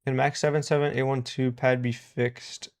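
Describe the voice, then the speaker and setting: A man's voice: medium pitch, little pitch movement, normal speed. A man hosting a casual live stream as he repairs electronics, chatting and laughing often as he thanks and greets his viewers. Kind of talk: casual live-stream chat while soldering.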